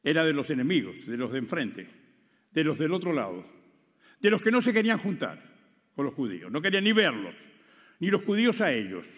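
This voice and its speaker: A high-pitched male preacher with a very lively, animated delivery. He swings from ringing exclamations down to quiet asides, and a long reverb trails behind his voice. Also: fairly quick, pauses often. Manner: dramatic swings between loud exclamations and hushed asides. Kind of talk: sermon.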